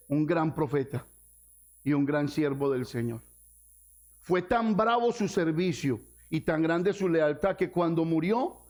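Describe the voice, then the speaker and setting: A male pastor preaches emphatically to his congregation. His voice sits notably high for a man and swings up and down between phrases. He speaks slowly and deliberately and keeps putting questions to the listeners. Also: darkish tone. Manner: emphatic preaching, sudden rises and drops in pitch; addresses the congregation directly with rhetorical questions. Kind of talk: sermon. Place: church service.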